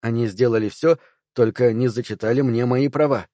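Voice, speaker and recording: A man's voice: mid-range voice, fairly even intonation, moderate pace, warm tone, dry recording, studio quality. A man reading a first-person audiobook with tense, anxious delivery. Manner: tense, voices several characters. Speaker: audiobook narrator.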